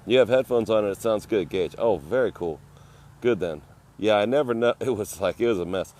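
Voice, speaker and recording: Outdoors at a garden cafe, a man chats his way through a casual livestream, calling out viewers by name as he rambles. He's speaking into an ear-worn mic on his phone, his voice on the low side, brisk and darkish in tone.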